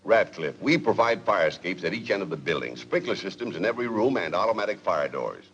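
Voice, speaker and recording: An actor playing a formal, brisk school board official speaking by phone in a 1940s film. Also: male voice, low voice, sing-song, a bit bright, full character voice. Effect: phone line. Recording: dull old film audio.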